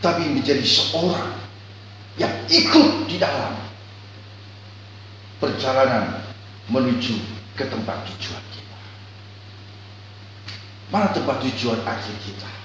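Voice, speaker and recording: A male pastor delivering a storytelling sermon, swinging between loud calls and quiet reflection. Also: mid-range voice, expressive, takes it slowly, pauses often, highs cut off. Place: church hall. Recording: echoey church hall, far mic, faint hum.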